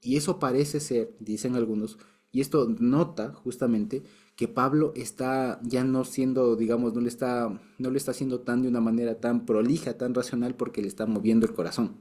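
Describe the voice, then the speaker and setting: Male Bible teacher, mellow tone, patient and chatty. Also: medium pitch, steady tone, normal speed. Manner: explains patiently, with frequent restarts and light chuckles. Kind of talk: casual Bible lesson.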